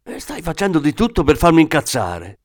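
A man's voice: medium pitch, sing-song, moderate pace, voice pushed up, natural voice. A man voicing a crude, hot-tempered male thief from the Rimini area who blusters and swears. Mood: indignant. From Rimini area, Italy. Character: crude excitable small-time male thief.

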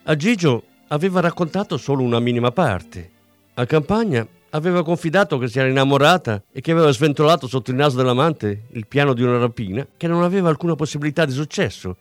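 Expressive male audiobook narrator. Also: mid-range voice, quick pace, no room sound, faint music behind. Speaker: audiobook reader. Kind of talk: scripted narration.

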